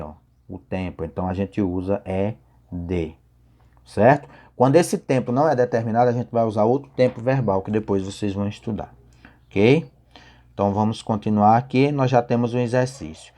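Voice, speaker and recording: A man's voice: fairly low pitch, fairly quick, mellow. A man with a Brazilian Portuguese accent, an English teacher patiently explaining grammar rules to his students and checking in with them often.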